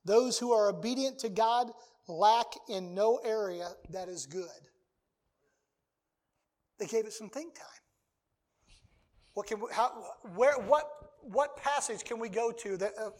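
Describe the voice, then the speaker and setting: An emphatic preacher in mid-sermon, reading scripture passages aloud. The delivery leans on repetition, circling back to the same phrases to press each point home. The voice sits at an ordinary middle pitch. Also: measured pace, pauses often, a little mellow.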